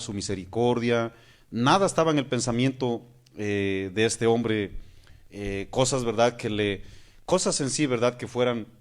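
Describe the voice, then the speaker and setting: A man, a pastor preaching a sermon. He asks his listeners questions and keeps calling them "hermanos". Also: mid-range voice. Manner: acts out praying voices mid-sermon.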